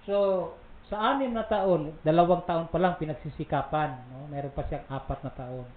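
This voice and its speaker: A man's voice: a little high, normal speed. A man co-hosting a casual religious talk program, explaining at length with asides and laughs. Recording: roomy, tinny phone-like sound with faint noise.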